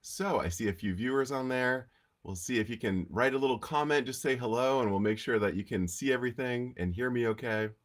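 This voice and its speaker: A man hosting a weekly live talk on healing, speaking with a congested, nasal voice from allergies in a relaxed, chatty way. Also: medium pitch, fairly quick. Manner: relaxed, chatty, with frequent fillers. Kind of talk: casual livestream talk.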